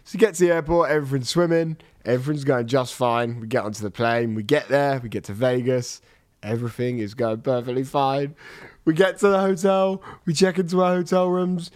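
A man's voice: medium pitch, steady tone, brisk, a little mellow. A man hosting a podcast in a casual, chatty style. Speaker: podcast host. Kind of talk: casual chat.

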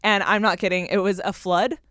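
A young woman co-hosting a chatty podcast, telling stories in animated, colloquial speech peppered with "like". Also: mid-range voice, a little fast, no room sound, clean studio sound. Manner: animated, colloquial, heavy use of "like". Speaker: podcast co-host. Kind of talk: casual chat and storytelling.

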